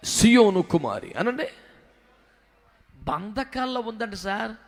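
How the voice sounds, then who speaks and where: A man's voice: high-pitched, lively intonation, slow pace, in a large hall. A male pastor preaching a fiery sermon with a Telugu accent, calling out to the congregation for praise.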